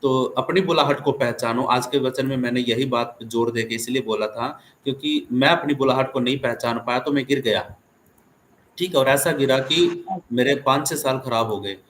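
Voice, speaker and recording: A man's voice: mid-range voice, normal speed, a little hiss or hum. A man who is a pastor, giving earnest, encouraging counsel to a caller on an online meeting, often checking in with his listener. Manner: earnest, encouraging, many tag questions. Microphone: video call.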